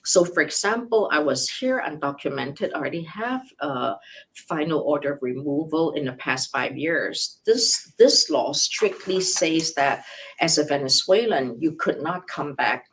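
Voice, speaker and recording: A woman's voice: low voice, animated, a little slow, fairly bright tone, a little hiss or hum, poor audio. An older woman, an immigration lawyer, answering questions live. She explains step by step in numbered points with worked examples, often restarting and correcting herself. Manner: frequent restarts and self-corrections.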